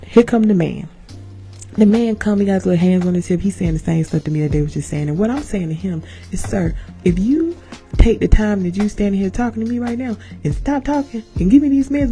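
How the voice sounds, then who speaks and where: A woman in her thirties hosting a podcast, telling a birth story as a lively monologue, acting out the people in it and calling her listeners "y'all". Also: sits low, creaky, breathy edge. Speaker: podcast host.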